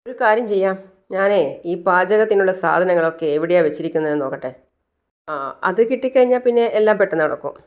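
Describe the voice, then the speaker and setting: A woman's voice: medium pitch, fast talker, a little mellow, close to an everyday voice. A woman voicing a confident old grandfather in her own voice.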